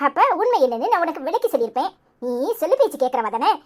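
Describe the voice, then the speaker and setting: Woman voicing a mocking, sharp-tongued cartoon mom from Tirunelveli, high and swooping. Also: very animated, rapid-fire. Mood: scolding. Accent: Tirunelveli Tamil. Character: scornful scolding mother, middle-aged woman.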